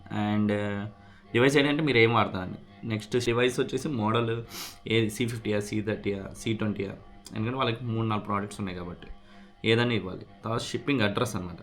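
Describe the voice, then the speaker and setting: Speaking fast in a lowish, steady, slightly bright voice, this male vlogger explains his product repair experience in a relaxed way while unboxing. He mixes English words into his talk, and soft music plays in the background.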